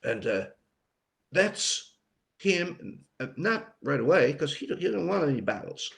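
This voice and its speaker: With a slightly high, sing-song voice touched by vocal fry, the older author from Newfoundland, Canada, speaks unhurriedly. As an interview guest, he drifts through casual, reflective talk about writing.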